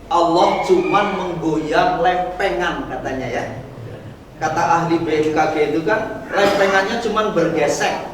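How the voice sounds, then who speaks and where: High-voiced preacher echoing in a mosque hall. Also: male voice, measured pace, noisy background. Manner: explanatory, asks the audience questions. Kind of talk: dawn sermon to a congregation. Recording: echoey hall from far off.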